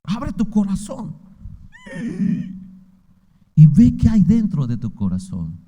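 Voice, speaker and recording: A man's voice: sits high, huge pitch swings, slow pace, dark tone. A man with a Mexican accent preaching a sermon as pastor, firing rhetorical questions at his listeners with fervor. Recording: long hall reverb.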